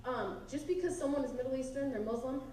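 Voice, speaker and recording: A woman's voice: high voice, fast, dark tone, slight background noise. A woman student challenging a speaker at a campus question session, insistent and pushing back. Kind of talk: heated campus Q&A debate. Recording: very echoey hall, far from mic, audience.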